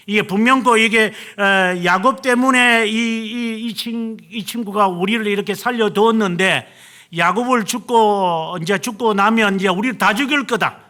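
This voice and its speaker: A man's voice: sits high, pushed and bright. A male pastor preaching a sermon, retelling scripture dramatically and acting out quoted lines. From South Korea.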